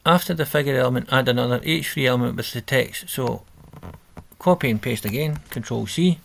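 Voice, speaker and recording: Brisk and fairly bright, with vocal fry in a medium-pitched voice, a man tutors a coding exercise via screen recording. He reads out each step and thinks aloud, catching and correcting himself, as keys tap in the background.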